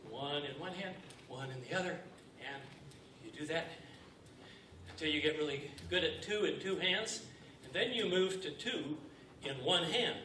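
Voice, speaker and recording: Bungling kids party magician, higher-pitched man, echoey stage. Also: normal speed, pauses often, pushed and bright. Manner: feigned befuddlement, bumbling. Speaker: comic juggler and magician performing on stage. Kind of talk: live comedy juggling demonstration with patter. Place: stage before a live audience. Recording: noisy echoey stage recording from far off.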